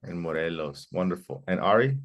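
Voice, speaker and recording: A man with a very low, deep voice leads an English class from the United States. He is encouraging and echoes his students' answers back to them. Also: lively intonation, brisk. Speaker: English teacher. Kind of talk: online class Q&A.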